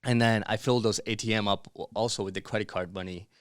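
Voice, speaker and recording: Born in Bangladesh and raised in Dubai and Miami, this podcast guest talks fast in a lowish, steady, clean voice. The recording is dry and studio quality. His casual interview chat is informal and peppered with slang like "bro" and "dude."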